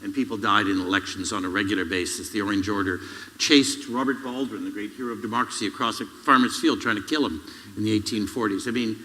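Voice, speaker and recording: A man's voice: on the low side, steady tone, quick pace, pushed and bright. A man of Northern Irish background moderating a public panel, wry and lecturing with dry jokes. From Northern Ireland background. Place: public event hall. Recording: reverberant hall.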